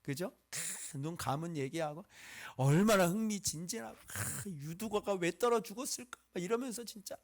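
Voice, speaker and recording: A male pastor preaching a sermon. He talks conversationally and switches between loud outbursts and hushed asides. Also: high voice, moderate pace, hardly any pauses.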